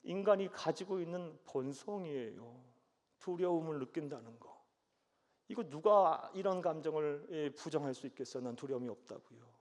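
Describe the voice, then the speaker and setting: A man preaches a sermon in a slightly high voice, asking his congregation questions and answering them himself with a short "yes." His words carry through a church sanctuary with a long reverb tail. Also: expressive, moderate pace, a little mellow. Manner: asks the congregation questions, affirming "예" often. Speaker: pastor.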